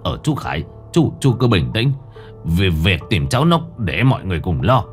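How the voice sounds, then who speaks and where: A man voicing an elderly village elder who speaks in a steady, commanding way. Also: deep voice, normal speed, soft background music. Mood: soothing. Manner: steady, authoritative.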